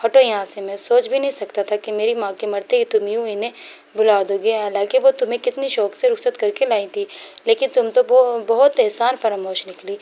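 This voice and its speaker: Narrator voicing an accusing young husband, grieving and harsh, mellow high-ish voice. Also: female voice, steady tone, lightly acted. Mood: bitter. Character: grieving, bitter young husband turned violent.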